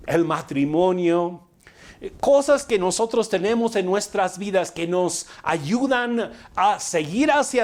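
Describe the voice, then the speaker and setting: A man giving a sermon, telling stories conversationally with rhetorical questions and fillers. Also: high-pitched. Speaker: preacher.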